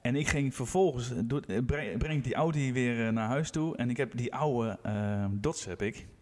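Chatty man spinning a lively anecdote. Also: medium pitch, moderate pace. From Groningen, Netherlands. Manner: animated anecdote teller, acts out quotes. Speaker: podcast co-host, physiotherapist. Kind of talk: casual chat, storytelling. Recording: room with long reverb.

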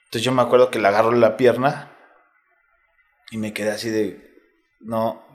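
This man's voice is fairly low, delivered flatly at normal speed, with a Mexico City accent. A retired footballer and interview guest, he narrates a personal story in a casual, candid, slangy way, step by step.

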